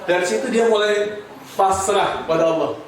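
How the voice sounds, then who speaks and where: At a home gathering, an Islamic preacher with a high voice delivers a humorous sermon at a moderate pace, telling stories, addressing listeners directly, and leading them in recitation. The recording is very echoey, with a distant mic and the crowd audible.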